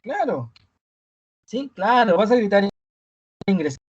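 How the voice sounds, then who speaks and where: A teacher giving a live online review class, ending almost every phrase with a questioning "¿no?" and repeating key words slowly for emphasis. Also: medium pitch, animated, fairly bright tone, highs cut off.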